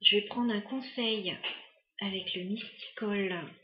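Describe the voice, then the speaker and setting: A woman talks her viewers through a tarot spread in a loose, hesitant way, musing and pausing often between thoughts. Her voice echoes around the room, and the recording sounds slightly muffled. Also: mid-range voice, fairly even intonation, background noise. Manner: hesitant, musing, many fillers. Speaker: tarot card reader. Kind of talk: casual tarot reading to camera.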